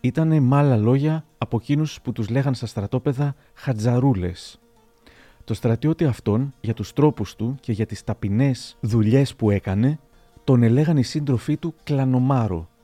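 A man narrating historical anecdotes aloud in a measured, storytelling manner. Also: mid-range voice, warm tone, no room sound, soft background music.

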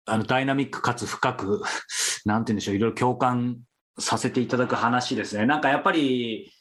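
Guy cohosting a podcast, mid pitch, polite and agreeable, chatty. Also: quick pace, fairly bright tone. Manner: deferential, agreeable, frequent backchannels. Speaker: podcast co-host and interviewer. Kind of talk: casual polite interview chat.

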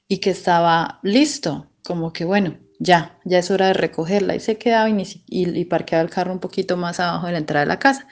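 A woman co-hosting a podcast, telling a personal paranormal story in an earnest, halting way with many restarts. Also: lowish voice. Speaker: podcast co-host.

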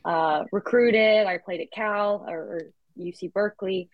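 A woman's voice: mid-range voice, unhurried, dry recording, muffled recording. A woman in her twenties, a guest in a casual interview, talking chattily with frequent restarts and fillers. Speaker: guest athlete.

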